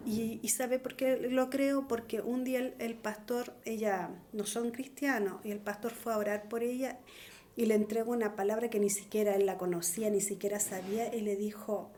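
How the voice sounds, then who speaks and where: Middle-aged woman preacher, earnest testimony, slightly high voice, faint room noise. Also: steady tone, normal speed, dark tone. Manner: earnest, pleading. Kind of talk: testimonial sermon.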